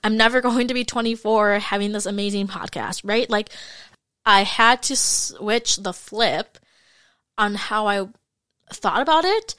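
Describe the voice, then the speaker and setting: A woman's voice: medium pitch, a little slow, fairly bright tone, clear, resonant tone, no echo. A woman in her mid-twenties hosting a casual solo podcast, talking frankly and chattily with lots of fillers. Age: 20s. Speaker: podcast host.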